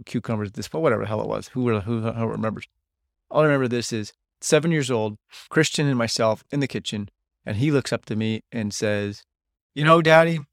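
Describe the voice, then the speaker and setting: A man's voice: medium pitch, gravelly, no echo. Middle-aged male host, solo podcast, blunt and emphatic delivery, dry close-mic sound. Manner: blunt, emphatic, swears freely.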